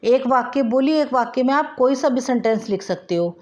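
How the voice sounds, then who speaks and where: A woman teacher giving a recorded primary school language lesson, dictating example words slowly and mixing in English words. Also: sits high, lively intonation. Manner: slow, deliberate dictation of example words and sentences; mixes English words into Hindi. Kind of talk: recorded online class lesson.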